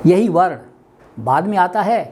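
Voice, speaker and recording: Slow, deliberate older man teaching. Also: high voice, lively intonation, darkish tone, a little hiss or hum. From India. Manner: slow, deliberate, spells out words. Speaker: Hindi language teacher. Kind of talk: weekly webinar lecture. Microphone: webinar computer mic.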